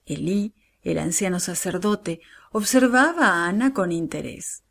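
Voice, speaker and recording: A woman storyteller narrating a Bible story for children in a warm, expressive way. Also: lowish voice, unhurried, creaky.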